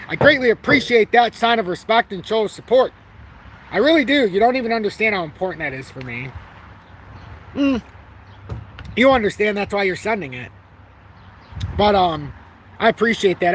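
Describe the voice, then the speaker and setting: A man's voice: high voice, a bit bright, a little hiss or hum. A man of forty, brash and rambling, who swears casually and keeps correcting himself as he hosts a casual live stream. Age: 40s. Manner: talks about himself through frequent self-corrections. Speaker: crypto channel host.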